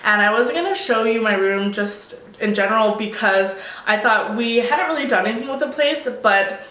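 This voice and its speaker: A woman's voice: fairly high pitch, moderate pace, a bit bright. A young woman vlogging in a casual, chatty style, with a muffled, swallowed-sounding voice from being a little sick with tonsillitis. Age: young adult. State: mildly sick, recovering from tonsillitis. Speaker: video blogger.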